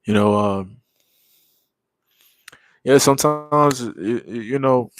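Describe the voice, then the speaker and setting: A man's voice: mid-range voice, slow pace. A young man hosting a casual livestream in a laid-back, slang-heavy drawl, tired and yawning after a long day. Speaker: livestream host. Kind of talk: casual livestream chat reading comments.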